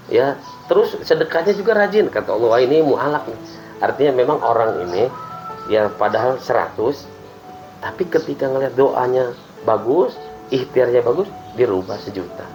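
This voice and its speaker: A man who teaches religion, explaining Islamic ideas in a relaxed podcast chat and acting out prayers as he talks. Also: medium pitch, normal speed, over music, rough recording. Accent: Indonesian. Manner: lively explaining with acted-out prayers and laughs.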